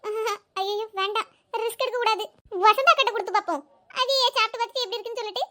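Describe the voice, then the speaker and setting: A woman's voice: very high voice, racing, fairly bright tone. A woman voicing a clumsy young daughter-in-law in a cartoon comedy, chirpy and giggly as she fusses over her home baking. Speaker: cartoon voice actor.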